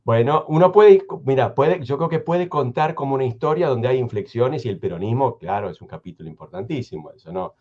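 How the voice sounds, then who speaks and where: A man with an Argentine Spanish accent, speaking as a guest historian in a thoughtful radio conversation, measured and hesitant, with many restarts. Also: mid-range voice, expressive, darkish tone, highs cut off.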